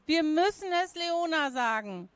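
A woman voicing a frightened, excited young girl in a children's audio story. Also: a little slow, no room sound. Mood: urgent. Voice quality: high, breathless urgency.

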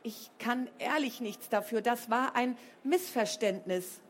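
A woman reading a storybook, voicing a cheeky, quick-tempered schoolgirl from a pirate family who talks brisk and defiant. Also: fairly high pitch, slight background noise, voice pushed up, close to an everyday voice. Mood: defensive.

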